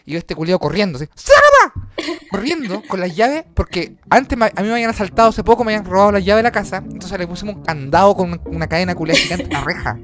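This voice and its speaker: Fast-talking Chilean man telling a story. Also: sits high. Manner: rambling, slang-heavy, swearing, acts out voices. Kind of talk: casual storytelling chat. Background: guitar music.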